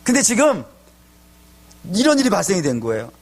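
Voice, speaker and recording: A male pastor preaching a sermon, asking the congregation rhetorical questions and acting out tearful prayers, swinging between loud pleading and hushed low tones. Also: wildly swooping pitch, fairly quick. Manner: acts out tearful prayers in his own voice.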